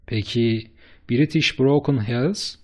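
A man voicing an eager, flattering bearded businessman who speaks with emphatic enthusiasm in an audiobook. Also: medium pitch, takes it slowly. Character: eager, fast-talking bearded businessman, middle-aged man.

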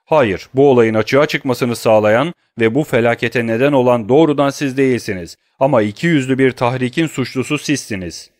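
A cold, grimly menacing young nobleman, voiced by a male audiobook reader, clipped and hard in every line. His voice sits a little higher and pushes a little louder than the narration around it. The recording is dry and close, with no room sound. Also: moderate pace, few pauses, no echo, lightly acted. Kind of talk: audiobook character reading.

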